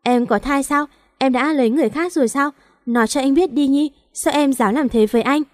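A possessive young husband who turns remorseful, pleading with his wife in a storybook reading, as a woman puts him on. The voice sits fairly high and the sound is dry and close, with no room around it. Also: a little fast, dry recording, close to an everyday voice. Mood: angry. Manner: pleading, insistent. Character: young male company director, possessive then remorseful.

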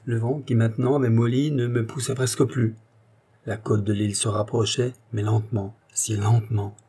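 Husky, dark-toned man reading a dramatic tale. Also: mid-range voice, level tone, moderate pace. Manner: intense, swells to anguished outbursts. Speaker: audiobook reader.

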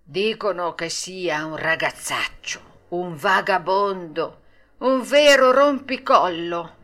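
A woman voicing a calm, plain-spoken old man in a storybook reading. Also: fairly low pitch, slow, exaggerated voice. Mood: matter-of-fact.

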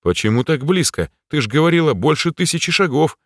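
A man voicing a confident male warrior hero with a spear, giving brisk orders in an audiobook. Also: lowish voice, fairly bright tone, no echo, clean studio sound, natural voice. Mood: surprised.

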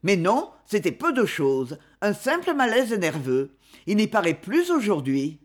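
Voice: medium pitch, big pitch swings, a little slow. Tense young rajah, curt and clipped, bit suspicious, read by the narrator.

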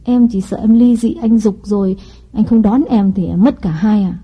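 A man voicing a sly young wife in an audiobook story, speaking in a coaxing, wheedling falsetto with a husky edge. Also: moderate pace, mellow.

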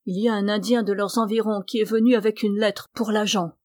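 A woman's voice: mid-range voice, steady tone, brisk, a little mellow, no room sound, studio quality, natural voice. A woman voicing an emotional, fearless older mother who talks in a rush in a storybook reading. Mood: distressed. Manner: breathless, emotional.

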